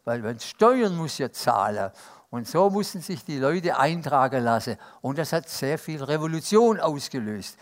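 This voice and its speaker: A man giving a sermon, reflective and unhurried, pausing with fillers as he explains. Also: fairly high pitch, expressive. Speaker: preacher.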